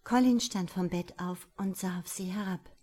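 Brief: a female audiobook reader, intimate and breathy, slightly low voice. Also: normal speed, warm tone. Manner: breathy, intimate, at times half-whispered. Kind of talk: audiobook narration.

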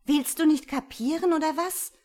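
A woman voicing a defiant young woman who reacts with sharp, indignant outbursts. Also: on the low side, a little fast, gravelly, breathy edge.

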